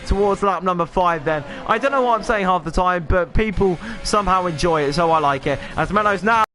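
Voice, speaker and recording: A man's voice: high voice, fairly quick, sharp tone, faint music behind. A man commentating a sim racing stream, rambling with lots of fillers and self-deprecating asides. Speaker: lead race commentator.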